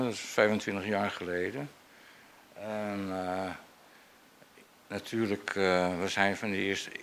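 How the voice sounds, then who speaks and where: An older man, a portrait painter, telling memories in a halting, unscripted and reflective way. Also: fairly low pitch, fairly bright tone, a little hiss or hum. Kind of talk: unscripted speech recounting memories.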